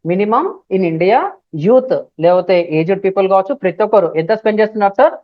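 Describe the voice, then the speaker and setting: Woman trainer, Telugu accent, live online class; loud and emphatic, repeats and spells out terms; muffled, dead-dry audio. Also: medium pitch, fast talker, no room sound. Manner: spells words out letter by letter. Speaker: digital marketing trainer. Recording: dull, dry lo-fi stream audio.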